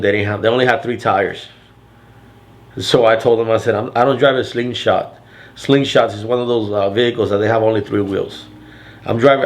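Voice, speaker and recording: An older man with a deep, loud voice, telling a rambling story in a casual vlog, restarting sentences often. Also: creaky. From Florida. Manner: rambling with frequent restarts and fillers. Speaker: vlogger.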